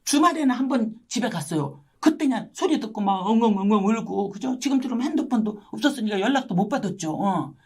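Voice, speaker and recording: Older lady missionary preaching, bit husky, voice jumps all over, keeps checking in with the crowd. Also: fairly high pitch, animated, quick pace, few pauses, mellow. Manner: dramatic storytelling, constant tag questions to listeners. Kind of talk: testimony sermon. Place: church online gathering.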